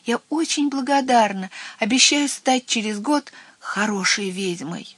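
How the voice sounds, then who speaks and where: A storyteller voicing a timid, frightened little girl witch in a high, pleading voice. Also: measured pace, a bit bright, no room sound. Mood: grateful. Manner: high, pleading, shaky with fear.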